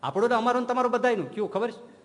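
A man, a swami, giving a storytelling sermon in speech and acting out the quoted saints in lively turns. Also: extremely high pitch, racing. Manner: animated storyteller who acts out quoted saints. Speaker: swami giving a religious discourse. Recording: long hall reverb.

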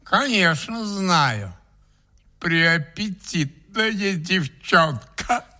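A man's voice: high voice, big pitch swings, drawn-out words, sharp tone, heavily acted. A man voicing a cheeky young man who turns brash and whiny when cornered. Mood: sly. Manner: brash then whiny pleading.

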